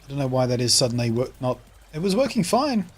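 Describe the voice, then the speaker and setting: Playing a game on a home live stream, a man with an Australian accent chats casually and responds to viewers' comments. His mid-range voice is sing-song and quick.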